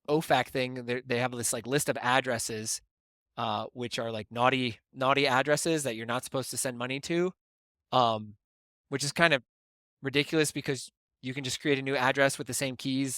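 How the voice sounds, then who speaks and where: A man's voice: mid-range voice, a bit bright, dry recording. Chatty man explaining, dry sound. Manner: explains at length, keeps checking with "right?". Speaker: podcast co-host explaining bitcoin mining. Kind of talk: casual podcast chat.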